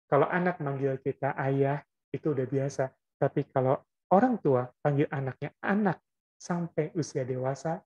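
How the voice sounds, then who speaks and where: A man's voice: mid-range voice, a little mellow, highs cut off. A man giving an Islamic parenting lecture, explaining in a conversational way and often adding little checking tags.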